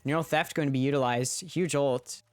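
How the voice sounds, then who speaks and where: Man, esports play-by-play, casual watch-party streamer, talks to chat, mid-pitched. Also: steady tone, a little fast, no echo.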